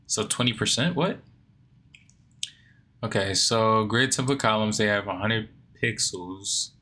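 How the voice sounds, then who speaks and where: A sleepy man talks his way through a coding lesson in a slow, bright, somewhat low voice. He reads passages aloud and then questions himself, while keyboard typing and mouse clicks sound behind him. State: sleepy, yawning. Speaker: coding learner. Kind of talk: think-aloud coding tutorial.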